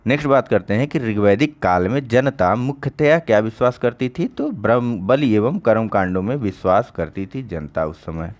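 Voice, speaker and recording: A man with a fairly low voice teaches an online exam-prep lesson. He talks in a casual, chatty way, repeats each answer and often stops to check that his students are following. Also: lively intonation, moderate pace, few pauses. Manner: conversational, repeats key answers, checks understanding with "ठीक".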